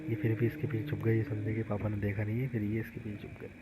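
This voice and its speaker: A man's voice: on the low side, monotone, fast, noisy background. A man, a father, casually narrating a home vlog about his young sons in a chatty storytelling way. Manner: chatty storytelling, retelling the kids' antics.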